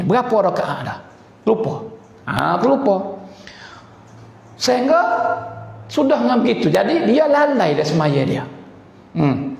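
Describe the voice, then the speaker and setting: A man with a Patani Malay accent teaching a religious sermon, reading Arabic text slowly and then explaining it in his own dialect with many fillers. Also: high-pitched, vocal fry, a little mellow. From southern Thailand. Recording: echoey hall reverb.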